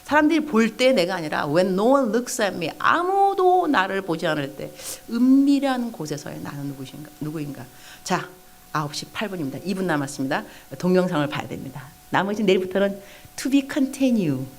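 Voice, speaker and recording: A middle-aged woman pastor giving a lively sermon to young adults, telling stories with chatty asides and acted-out outbursts. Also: medium pitch, normal speed. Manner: animated storytelling with quoted outbursts and chatty asides. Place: church hall.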